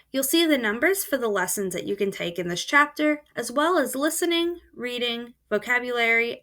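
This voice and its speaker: In a steady, plain voice-over, a student with a fairly high-pitched voice explains a software tool feature by feature over a screen recording.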